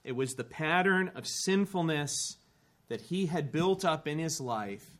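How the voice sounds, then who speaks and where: A man's voice: fairly high pitch, animated, unhurried, fairly bright tone. A man preaching a sermon in a church, telling a story with earnest rising emphasis and the odd dry aside. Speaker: pastor.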